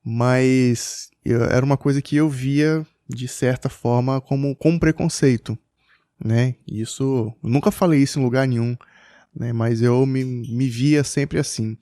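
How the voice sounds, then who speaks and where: A man speaks in a mellow, relaxed tone, telling a personal story as a father. He talks hesitantly, restarting his sentences often. His voice sounds dry and close to the mic. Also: medium pitch, a little slow, dry recording. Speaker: podcast guest, father. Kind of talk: personal storytelling in a casual chat.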